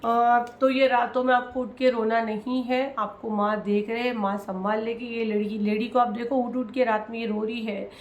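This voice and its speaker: A woman's voice: a little high, level tone, moderate pace, few pauses, reverberant, highs cut off. A woman giving a spiritual tarot reading, speaking emotionally and consolingly straight to her viewers. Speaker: tarot reader.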